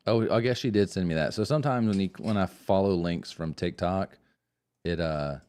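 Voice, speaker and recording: A man with a very deep, low voice chats loosely on a live podcast. He reads ornate text in a mock-solemn tone, laughing and stumbling over the big words. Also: normal speed, a little mellow, smooth. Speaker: podcast co-host. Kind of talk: casual live podcast chat, mock-solemn reading aloud.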